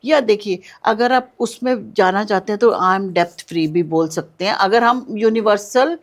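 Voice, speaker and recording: A woman speaking as a podcast guest, explaining step by step. She is patient and instructive and keeps repeating the key words. Her voice sits at a medium pitch for a woman. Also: measured pace. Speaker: guest, switch-word remedy expert.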